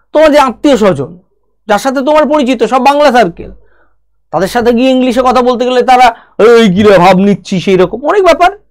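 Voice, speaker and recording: A woman's voice: on the high side, a little mellow. Bengali accented woman teacher talking straight to you about english problems, one by one. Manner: direct, talks to the viewer as "you", lists problems one by one. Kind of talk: spoken lesson to students.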